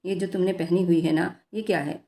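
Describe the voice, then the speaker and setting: A woman's voice: on the low side, steady tone, a little fast, close to an everyday voice. Woman voicing a teasing young husband. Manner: playful coaxing, sharp when angry.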